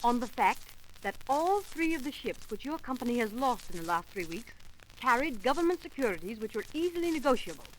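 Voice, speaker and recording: Cool, high-voiced old-radio investigator. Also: female voice, sing-song, a little fast, low-quality recording. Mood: matter-of-fact. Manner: formal, precise, unflappable. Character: cool, firm female government investigator. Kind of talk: 1930s American radio drama acting. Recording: old 1930s radio recording, faint noise.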